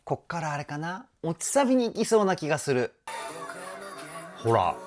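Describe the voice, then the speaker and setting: A man's voice: a little high, sing-song, moderate pace. A man working as a vocal trainer, reacting to a song with enthusiasm and explaining singing technique in casual talk. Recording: music playing in the background.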